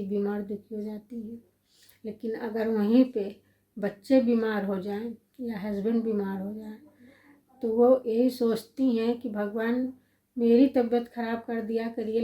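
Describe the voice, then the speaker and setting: Mellow, even-toned middle-aged woman storyteller. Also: on the high side, low-quality recording. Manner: gentle, repetitive listing, reminiscing. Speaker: vlogger recalling her family life. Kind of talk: casual personal storytelling.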